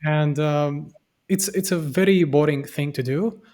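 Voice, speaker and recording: A man's voice: a little high, unhurried, a little mellow. A young man from Syria, a podcast guest, speaking earnestly and reflectively with frequent fillers and restarts. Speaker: podcast guest, software developer. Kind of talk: conversational interview.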